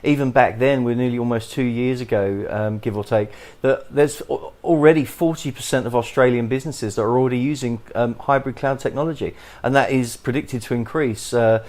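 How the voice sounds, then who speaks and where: A man with an English accent hosting a podcast interview, talking haltingly with many restarts. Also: medium pitch, darkish tone. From England. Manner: halting, many restarts and fillers, chuckles often. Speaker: podcast host.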